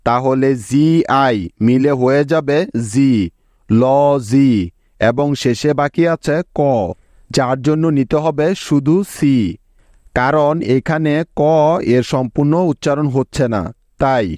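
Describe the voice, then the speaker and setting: A man teaching English reading and spelling step by step in a slow, patient lesson, often checking that the learners follow. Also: medium pitch, steady tone, a little mellow, dry recording, studio quality.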